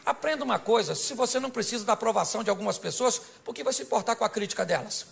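Speaking at a racing pace with vocal fry, this male pastor has a very high voice. His sermon to the congregation is comic and outgoing, full of jokes and voices he performs for the crowd.

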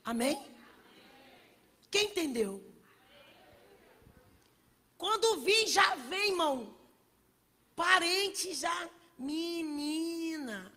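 A woman preaching a sermon with passion, swinging between shouts and hushed asides, in a church hall. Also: extremely high pitch, expressive, extremely slow, long pauses. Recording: long reverb of a large hall.

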